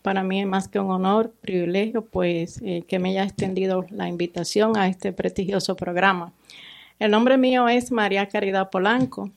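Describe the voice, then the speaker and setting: A woman's voice: medium pitch, fairly even intonation, normal speed, creaky. A woman from the Dominican Republic with a Dominican accent, answering interview questions formally and hesitantly, with many fillers. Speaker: guest, community worker.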